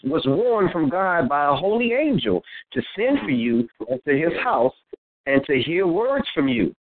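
A man's voice: on the high side, big pitch swings, dry recording, phone-quality sound. A man reading Bible verses aloud and explaining them in a call-and-response Bible study. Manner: reads verses aloud slowly, then explains. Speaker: Bible teacher reading scripture.

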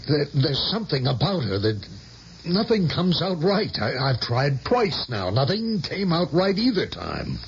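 A man's voice: on the high side, very animated, a little slow, a little hiss or hum. An actor playing a nervous, stammering man in an old radio drama. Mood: fearful. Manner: stammering, fearful. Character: anxious, stammering male photographer. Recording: dull old radio recording.

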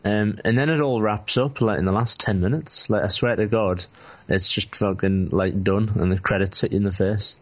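A man's voice: on the low side, normal speed, a bit bright. A rambling, sweary man co-hosting a casual film review chat. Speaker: podcast co-host.

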